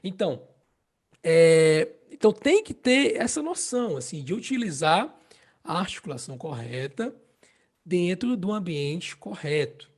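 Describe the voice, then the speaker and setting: His voice sits high, a little mellow, with big pitch swings as he runs a relaxed harmonica lesson in Brazilian Portuguese-accented speech. He takes his time explaining, repeats phrases, and checks understanding with "né?" and "entende?".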